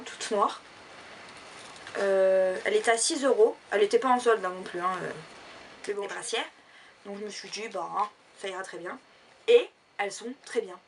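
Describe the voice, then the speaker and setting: A woman's voice: mid-range voice, far from the mic, slight background noise. A woman chatting casually in a shopping haul vlog, rambling with lots of fillers. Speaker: vlogger.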